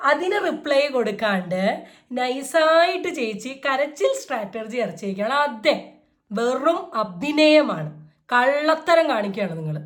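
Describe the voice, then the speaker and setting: High-voiced sarcastic woman vlogger. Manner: sarcastic, mocking, energetic. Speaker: vlogger hosting a reaction channel. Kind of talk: casual reaction commentary.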